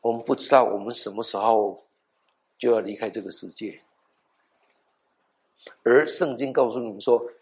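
A middle-aged pastor preaches in a lowish voice at a moderate pace, pausing often. His sermon is animated storytelling with acted-out dialogue and half-joking asides, and he mixes in an occasional English word.

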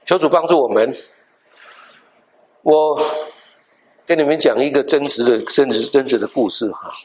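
A middle-aged male pastor telling a story in a sermon, animated and acting out the dialogue, with English words mixed in. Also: mid-range voice, moderate pace. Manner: animated, acts out dialogue in different voices.

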